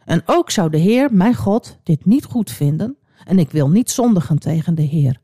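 An honest young man from a children's Bible storybook, as a woman reads him, firm and earnest in a warm, mellow tone. The delivery is animated, and the sound is dry and close. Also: lowish voice, moderate pace, husky, dry recording.

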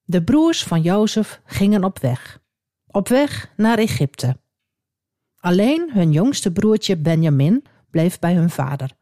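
Lively woman telling children's Bible stories. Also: lowish voice, slow pace, no echo, clean studio sound. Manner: lively, expressive, with asides to the listener. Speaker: storyteller.

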